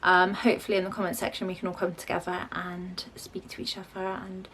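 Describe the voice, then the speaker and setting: A woman's voice: on the low side, flat delivery, brisk, a bit bright, a little hiss or hum. A young woman, a parent vlogger chatting casually to camera at home in a down-to-earth way.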